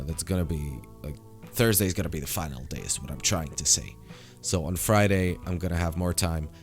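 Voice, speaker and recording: Young man, sore throat, very low voice, rambling casual vlog, faint music behind. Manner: rambling, many fillers and restarts. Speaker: vlogger. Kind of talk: casual daily vlog update.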